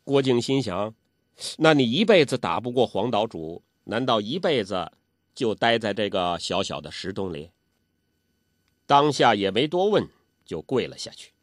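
A man's voice: on the low side, sing-song, normal speed, no echo, clean studio sound. A man narrating a martial arts tale as a traditional storyteller, in a chatty way with asides to the listener.

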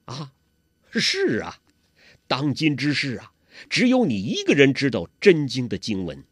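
A man's voice: mid-range voice, huge pitch swings, unhurried, a bit bright, slightly rough, no room sound, clean studio sound, heavily acted. A man voicing an old male beggar martial arts master with coarse, scolding, chuckling speech. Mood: gruff, scheming.

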